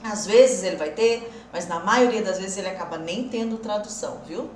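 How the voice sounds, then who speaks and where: A woman's voice: mid-range voice, moderate pace, a little mellow, echoey room, distant mic, slight background noise. Chatty woman teaching on a live stream. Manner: chatty, explains patiently, answers viewer comments, laughs often. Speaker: English teacher. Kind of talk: live-streamed English lesson.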